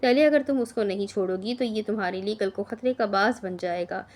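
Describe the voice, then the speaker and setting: A woman voicing a gentle young woman who earnestly pleads with her friend in a storybook reading. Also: mid-range voice, brisk, close to an everyday voice. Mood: pleading.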